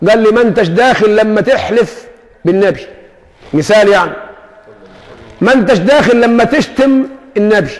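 A man with an Egyptian accent teaching a religious lesson, telling stories and acting out the dialogue with teasing asides. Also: high-pitched. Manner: lively storytelling that acts out dialogue with teasing asides. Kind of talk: explaining hadith in a lesson. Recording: long hall reverb.

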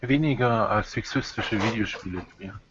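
A man doing a stammering, earnest activist who lectures about games, in a somewhat low voice. The sound is dull and lo-fi with a faint hiss behind it. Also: lightly acted. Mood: mock earnest. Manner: halting, stammering.

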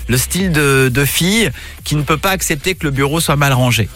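A man's voice: a little high, brisk, fairly bright tone, soft background music. A man hosting a live radio show with teasing, chatty banter.

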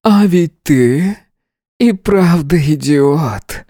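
A masked woman commander, authoritative and gentle at once, as a man puts her on in a raised voice. Her orders come slow and measured. The reading is dry and close, in an audiobook. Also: a little high, lively intonation, no echo, pitched above the performer's own voice, exaggerated voice. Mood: commanding.

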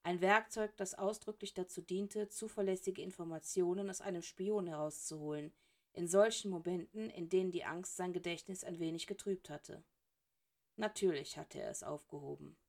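A woman's voice: lowish voice, normal speed, darkish tone. Woman reading a story aloud. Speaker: audiobook narrator. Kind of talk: storybook narration.

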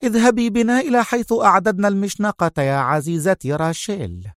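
A man putting on a sharp-voiced female spy. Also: expressive, brisk, dry recording, studio quality. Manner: high, sharp and tense. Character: sharp-tongued female spy, tense and cruel.

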